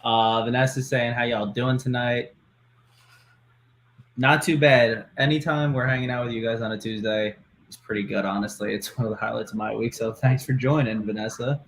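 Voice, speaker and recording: An upbeat man in a mid-range voice reads viewers' chat comments aloud and answers them in a relaxed way. A faint hum of room noise sits under his voice. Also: medium pitch, normal speed. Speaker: co-host reading viewer comments. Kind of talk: casual live-stream chat.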